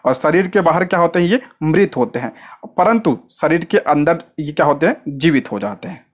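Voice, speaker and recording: Exam-prep tutor, mid-pitched, drills facts in quick self-answered questions with frequent check-ins. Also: animated. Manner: asks rhetorical questions and answers them at once; repeats short check-ins and stresses key points. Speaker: exam coaching teacher.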